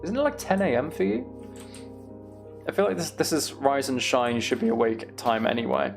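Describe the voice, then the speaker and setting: Musing aloud while livestreaming a game, a man keeps up a casual chat, reading and replying to viewer comments. He speaks at normal speed in a gravelly, mid-range voice, with faint music behind him.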